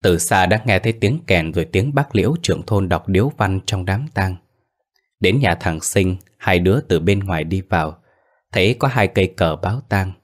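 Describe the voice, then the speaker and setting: A deep-voiced man narrates a ghost story. His telling is steady and scripted, low and even in tone.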